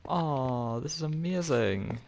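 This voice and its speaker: Gravelly-voiced man rambling over gameplay. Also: medium pitch, lively intonation, slow, a little mellow, a little hiss or hum. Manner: rambling, self-talking, playful. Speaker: Minecraft gameplay commentator. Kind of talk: casual gameplay commentary.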